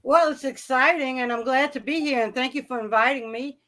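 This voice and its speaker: A woman's voice: sits high, fairly quick, fairly bright tone. Giggly woman on a freezing video call. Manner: cheerful and giggly. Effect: heard over a glitchy, freezing video call. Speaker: guest. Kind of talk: casual chat.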